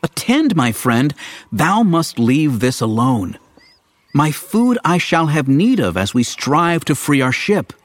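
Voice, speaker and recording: An actor playing an earnest, exasperated young hero in Shakespearean verse, declaimed like a hammy stage performer. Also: male voice, fairly high pitch, big pitch swings, takes it slowly, dry recording. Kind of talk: dramatic Shakespearean verse reading.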